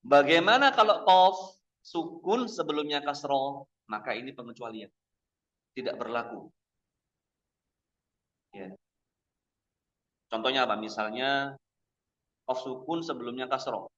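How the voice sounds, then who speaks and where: A man teaching Quran pronunciation at a mosque study session. He drills each sound slowly and repeats it several times, contrasting the correct reading with wrong ones. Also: mid-range voice, fairly bright tone. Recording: dull lo-fi lecture recording.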